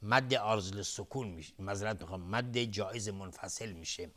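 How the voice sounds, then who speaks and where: A man's voice: on the low side, bright, forceful tone. A man teaching Quran recitation rules on television, explaining methodically and repeating sounds as drills. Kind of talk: tajweed lesson explanation. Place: television studio.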